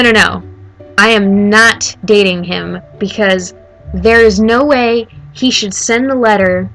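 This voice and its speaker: A woman reads a story game aloud as its heroine, slipping into animated, sarcastic asides to her viewers. Her voice sits in an average register, and faint game music runs underneath. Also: mid-range voice. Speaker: game streamer.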